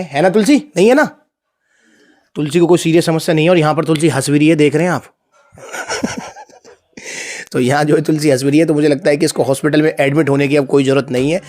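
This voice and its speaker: A man filming a casual family vlog indoors at home, talking playfully and teasing as he chats to the viewers. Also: a little high. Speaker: father and vlogger. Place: indoors at home, in front of a heater.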